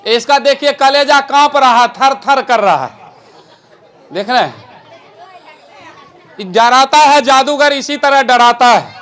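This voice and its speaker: In this live magic demonstration, a man who works as a stage magician and rationalist speaker jokes around and directs both a boy and the crowd while talking through what he does. He speaks slowly and animatedly in a very high, fairly bright voice, pausing often, with some chatter in the background.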